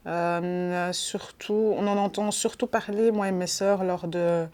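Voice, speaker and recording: A woman in her late twenties, born in Rwanda, speaking hesitantly and reflectively with many pauses in an interview. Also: fairly low pitch, fairly even intonation, darkish tone. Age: 20s. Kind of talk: testimony.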